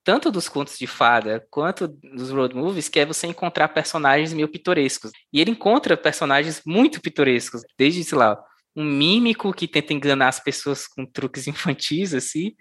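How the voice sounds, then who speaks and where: Interviewer, chatty and giggly, mid-pitched voice, asks long meandering questions. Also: expressive, normal speed, a bit bright. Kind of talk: conversational book interview.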